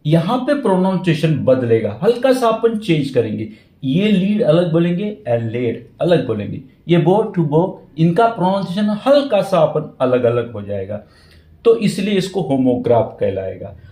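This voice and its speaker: A man teaching English grammar, his voice dark and mellow with lively swings in pitch. He keeps repeating key words and checks in with the listener. The room sounds echoey around him. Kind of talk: grammar lesson explained in Hindi with English terms.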